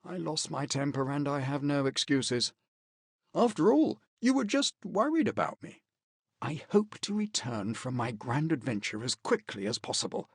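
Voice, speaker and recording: A man's voice: mid-range voice, slightly rough, no echo, studio quality. A man playing a contrite, courtly adventurer reading his letter in a game story, formal, earnest and theatrical.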